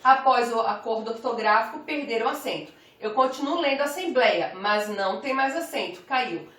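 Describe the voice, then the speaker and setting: A woman's voice: a little high, animated, a bit bright. A woman teacher giving a grammar lesson, carefully saying one example word after another. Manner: slow, careful, spells out each example word. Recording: roomy, from some distance off the mic.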